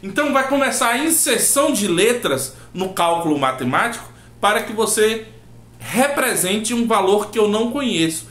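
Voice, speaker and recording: A man's voice: high-pitched, animated, moderate pace, fairly bright tone. A man teaching a math lesson, asking rhetorical questions and acting out his students' replies. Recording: roomy echo.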